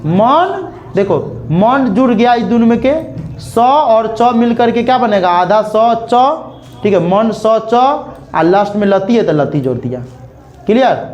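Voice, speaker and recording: A young man with a Bihar Hindi accent teaching a grammar lesson to a class. He slowly spells out examples, repeats words, and keeps checking with "clear?". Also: high-pitched, animated, a little mellow, dull audio.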